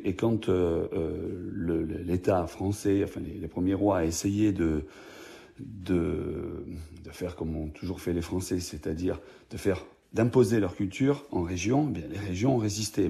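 Man, Marseille accent, very low dark voice, gravelly, hesitant with restarts. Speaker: journalist guest. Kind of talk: radio interview answers.

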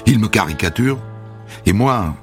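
A man's voice: lowish voice, normal speed, soft background music. A young man with a Paris banlieue accent telling a wry first-person story. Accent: Paris banlieue French. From Paris suburbs, France. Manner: lively, wry, animated.

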